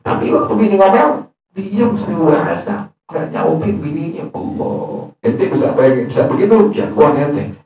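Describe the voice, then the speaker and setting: A man teaching a religious lesson, telling a story in a humorous, colloquial way with Arabic recitation, recorded in a prayer hall. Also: high-pitched. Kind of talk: sermon. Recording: very echoey, far from mic.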